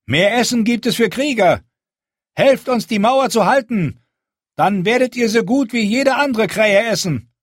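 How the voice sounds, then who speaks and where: In a dry, close audiobook reading, a man plays a stern young commander of a wall who rallies a crowd with forceful resolve. The voice rides high and loud with wide swings in pitch and a slightly husky grain. Each phrase lands with deliberate weight. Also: lively intonation, no echo. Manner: forceful, rallying speech. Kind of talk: audiobook character voice.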